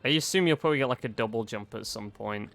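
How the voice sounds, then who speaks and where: A man's voice: mid-range voice, quick pace, gravelly, fairly bright tone. A man giving casual commentary while playing through a video game.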